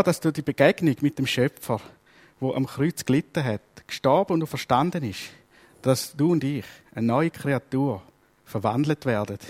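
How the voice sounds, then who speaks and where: A male preacher with a Swiss German accent, giving a sermon in a lively storytelling manner at an ordinary mid pitch. He acts out the people in his stories. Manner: lively storytelling, acting out voices.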